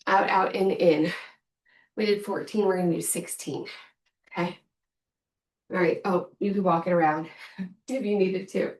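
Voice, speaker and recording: A woman's voice: lowish voice, fairly even intonation, measured pace, pauses often. A woman leading a casual workout class, counting reps and repeating short, encouraging cues. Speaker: fitness instructor leading a workout. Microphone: distant from the speaker. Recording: echoey room, distant microphone.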